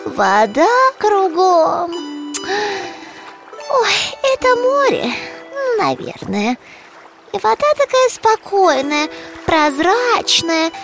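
A woman voicing an eager, naive, polite little girl frog in a children's cartoon, full of exclamations and croaky stammers. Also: extremely high pitch, exaggerated voice. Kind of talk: animated children's cartoon dialogue.

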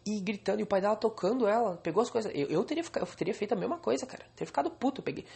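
Gravelly young man ranting angrily. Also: high-pitched, expressive, rapid-fire, warm tone. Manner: angry, venting, swearing. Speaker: podcaster. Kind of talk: solo podcast rant. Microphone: home recording, alone.

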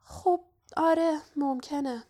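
A woman narrator voicing a clever, cautious young schoolgirl witch who speaks in a hushed, knowing way. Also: on the high side, natural voice.

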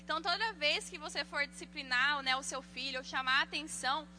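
A woman giving a sermon on parenting, telling lively personal stories and acting out the voices of the people in them. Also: high voice, brisk, a little hiss or hum. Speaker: church speaker.

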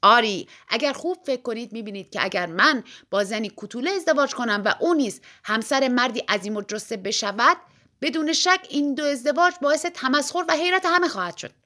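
A woman's voice: on the high side, expressive, sharp tone, voice pushed up. Brief: tiny showy male joker, as a woman reader puts him on, theatrical and mock-grave. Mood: mock-earnest. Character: tiny jesting male engineer, showy and playful.

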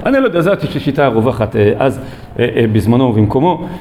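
A male Torah teacher gives a recorded lesson in a room. His voice is mellow and soft-edged, and he pauses often on long filler sounds as he thinks. A faint hiss of noise sits behind him. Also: mid-range voice, very animated. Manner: hesitant, many drawn-out fillers.

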